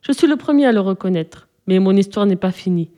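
A timid young boy from a storybook who stays calm and wry when facing a giant, voiced by a woman reader. His voice is mellow and gentle. He tells his tale steadily. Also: mid-range voice, a little fast, natural voice.

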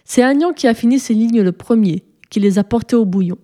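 Mellow woman reading a children's story. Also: a little high, a little fast. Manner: lively, plays the characters' voices.

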